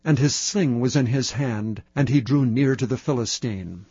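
Male scripture reader: steady, solemn, mid-pitched, dry close mic. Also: normal speed, slightly rough, dry recording, lo-fi sound. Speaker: Bible reader.

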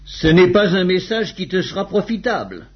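Man reading stern commander, husky, slightly high, lo-fi. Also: sing-song, moderate pace, full character voice. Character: stern male army commander, curt. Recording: dull lo-fi recording.

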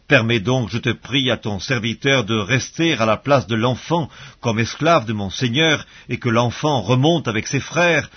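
A man reading the part of a grown man humbly pleading with a ruler, in a husky voice, in a bible reading. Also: mid-range voice, dull audio, natural voice. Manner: humble, beseeching.

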